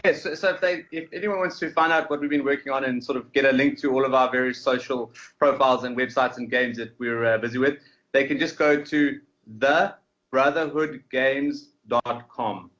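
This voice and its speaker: A man chats as a podcast guest in a bright, mid-range voice. He is easygoing, with hesitant phrasing. The recording is a bit dull and lo-fi. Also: mid-range voice, fairly even intonation, moderate pace. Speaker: podcast guest, game developer. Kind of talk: casual interview chat. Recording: dull, lo-fi online call.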